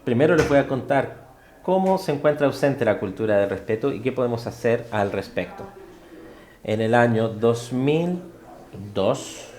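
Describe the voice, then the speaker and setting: A man giving a spoken interpretation of a university lecture, halting, with frequent fillers and self-corrections. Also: medium pitch, darkish tone. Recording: roomy hall sound.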